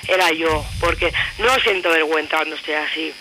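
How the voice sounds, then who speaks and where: A woman's voice: low voice, fairly even intonation, a little fast, sharp tone, a little hiss or hum, rough recording. A woman in her thirties speaking intensely on a radio show, asking many rhetorical questions. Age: 30s. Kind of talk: personal radio talk.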